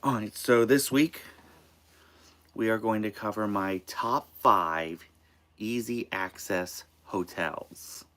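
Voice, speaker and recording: An American man from Maine hosting a casual live stream of tips from inside an RV, halting and restarting his phrases. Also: lowish voice, fairly bright tone. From Maine, United States. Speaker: host of a live show.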